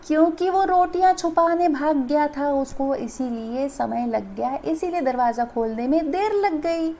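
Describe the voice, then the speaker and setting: A woman's voice: high voice, a little mellow, slight background noise. A woman teacher explaining a story to children and quizzing them with countdowns. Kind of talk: children's Hindi lesson, reading a story.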